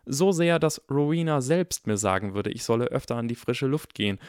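A man voicing an eager, bookish eleven-year-old boy wizard who talks fast and flatters nervously, in an audiobook. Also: medium pitch, no echo, clean studio sound, pitched above the performer's own voice, natural voice. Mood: earnest. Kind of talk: audiobook character voice.

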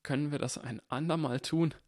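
A man voicing a frightened young boy who speaks quietly and hesitantly, raising his pitch. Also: moderate pace, no echo, studio quality, natural voice.

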